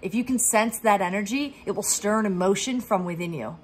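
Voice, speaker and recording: A woman's voice: medium pitch, a little fast, a little hiss or hum. A woman in her thirties from Pennsylvania with a Philadelphia accent, a professional organizer giving an upbeat, encouraging talk to camera with self-deprecating asides. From Pennsylvania, USA. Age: 30s.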